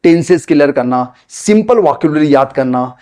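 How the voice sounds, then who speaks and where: Man, English teacher, high voice, patient repetitive explaining. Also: expressive, a little mellow. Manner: explains slowly, repeats points, addresses viewers as friends. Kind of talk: spoken English lesson to camera.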